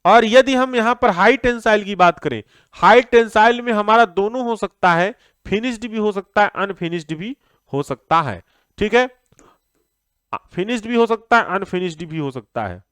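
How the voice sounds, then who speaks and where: Young male lecturer, high clear voice, dry close sound, drills terms by repetition. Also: animated, normal speed, a bit bright, dry recording. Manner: repeats key terms, asks and answers his own questions. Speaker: civil engineering teacher. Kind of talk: classroom lecture.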